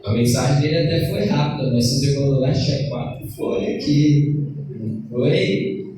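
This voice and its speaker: A man's voice: fairly high pitch, moderate pace, warm tone, a little hiss or hum. Brazilian man preaching in an echoey church. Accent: Brazilian Portuguese. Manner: storytelling with acted quotes, addresses the congregation. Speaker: preacher and schoolteacher. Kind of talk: sermon. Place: church hall. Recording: echoey church from far off, faint ambience.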